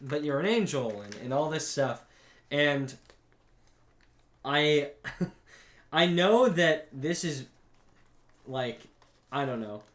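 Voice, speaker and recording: A man's voice: on the high side, lively intonation, a bit bright. A man co-hosting a casual podcast, rambling with many restarts and some swearing, sometimes acting out characters' lines. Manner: acts out characters' lines in quick asides. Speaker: podcast co-host. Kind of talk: casual podcast chat about anime. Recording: roomy echo.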